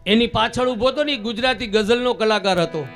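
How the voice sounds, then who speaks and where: A man telling jokes on stage, a lively storyteller who now and then breaks into drawn-out singing. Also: very high voice, soft background music. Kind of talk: live Gujarati folk comedy storytelling.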